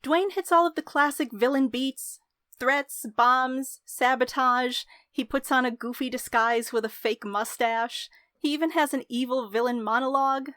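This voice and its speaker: A young woman narrating a scripted game review in an articulate, measured way. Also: high voice, fairly bright tone, no echo, studio quality. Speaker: video essayist, game reviewer.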